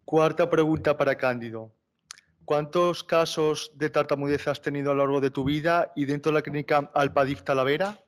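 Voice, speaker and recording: Higher-voiced Spanish man moderating. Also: steady tone, moderate pace. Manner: brief and direct. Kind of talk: reading questions to a panel.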